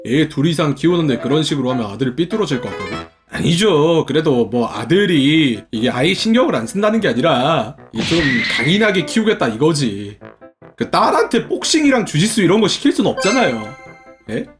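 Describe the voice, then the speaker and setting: A man's voice: fairly high pitch, sing-song, a little fast, music in the background. A young man streaming from his room at home, chatting casually and playfully with his viewers and musing aloud.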